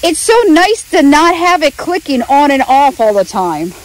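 A woman's voice: sits high, big pitch swings, normal speed, poor audio. A woman chatting and asking questions while she films a homestead yard on her phone. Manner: chatty, asks lots of questions. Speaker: vlogger filming the homestead. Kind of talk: casual chat while filming. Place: outdoors in a grassy homestead yard. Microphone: phone camera held by the speaker.

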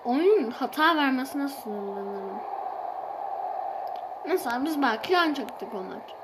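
A woman's voice: fairly high pitch, heavy background noise. A woman giving casual commentary over a mobile game, exasperated and pleading with a phone that won't respond.

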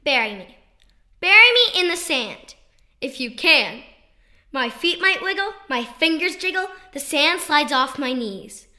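A children's poetry author reads her poems aloud in a notably high, bright, forward voice. She's playful and sing-song at a measured pace, clearly stressing key words like a storybook read-aloud.

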